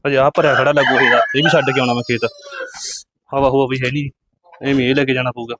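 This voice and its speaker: A man's voice: mid-range voice, flat delivery, quick pace, background noise, natural voice. A man from Punjab playing a poor, weary village farmhand who grumbles and complains to himself in a farmyard. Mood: grumbling.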